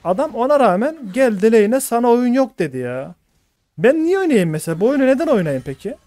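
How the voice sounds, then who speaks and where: A man's voice: very high-pitched, very animated, a little fast, dark tone. A man streaming a game, ranting in exasperation and swearing as he reads out his teammates' chat. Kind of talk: live gaming commentary.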